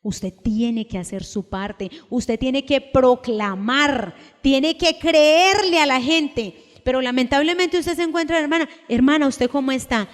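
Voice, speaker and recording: Woman preacher, slow and emphatic sermon delivery, fairly high voice, echoing church hall. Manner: emphatic, asks the congregation repeated questions; slow, deliberate delivery with sudden raised cries. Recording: long echo of a large hall.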